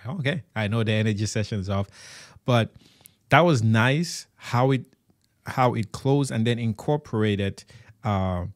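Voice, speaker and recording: Male interview host from Cameroon, low voice, dry sound, reflective and halting delivery. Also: no echo. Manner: thoughtful, halting, laughs often. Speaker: podcast host. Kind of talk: casual conversational interview.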